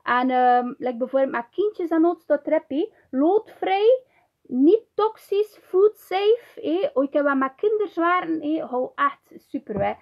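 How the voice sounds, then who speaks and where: A woman's voice: high-pitched, expressive, moderate pace, creaky, few pauses, highs cut off. Chatty Flemish woman teaching pottery. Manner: chatty, tags nearly every sentence with "hè". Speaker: ceramics teacher. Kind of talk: hands-on pottery tutorial.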